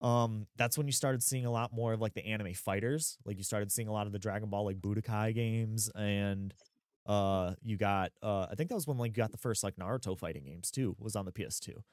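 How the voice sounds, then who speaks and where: A man's voice: fairly low pitch, brisk, a little mellow, no room sound, studio quality. A man in his thirties co-hosting a gaming podcast, chatting casually with rambling asides, fillers and laughs. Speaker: podcast co-host. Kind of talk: casual chat.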